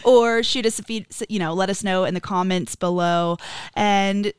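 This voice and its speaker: A woman's voice: mid-range voice, steady tone, moderate pace, clear, resonant tone. A chatty woman hosting a casual podcast, talking through things at an easy, explanatory pace. Her voice sits in a middle range and is recorded close on a mic in a dry room with no echo. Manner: chatty, explanatory, laughs easily. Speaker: podcast co-host, RV park owner.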